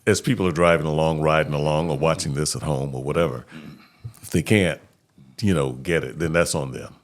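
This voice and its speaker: A man's voice: extremely low pitch, a little fast. A middle-aged man hosting a casual chat in a folksy way, repeating his phrases for emphasis. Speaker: host, interviewer.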